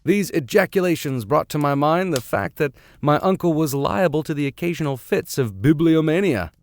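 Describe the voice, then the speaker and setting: Reading classics aloud for his podcast, a man swings between narration and tongue-in-cheek tangents in a playful, sardonic way. His voice is on the high side and expressive, at a normal speed.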